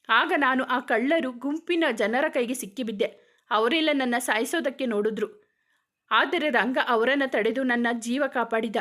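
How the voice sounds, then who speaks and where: A woman's voice: sits high, fairly bright tone. A woman voicing a naive young village woman making a pleading, tearful confession.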